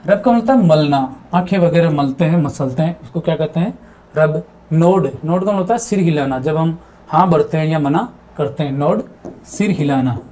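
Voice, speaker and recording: High-pitched man teaching English grammar. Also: moderate pace, mellow. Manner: repeats words and asks himself questions; mixes English terms into his explanations. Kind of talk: explaining grammar in a video lesson.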